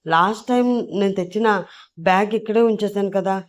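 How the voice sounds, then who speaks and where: A woman's voice: medium pitch, steady tone, brisk, natural voice. A brash young rowdy, voiced by a woman storyteller, talking in a blunt, offhand way. He brushes people off with teasing impatience. It is a storybook audio drama.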